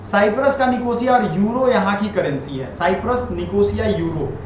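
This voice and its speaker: A high-voiced man teaching an exam-prep lesson, who drills each answer and asks the viewer to repeat it. The room is very echoey and the sound is dull and lo-fi, with a faint hiss underneath. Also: moderate pace.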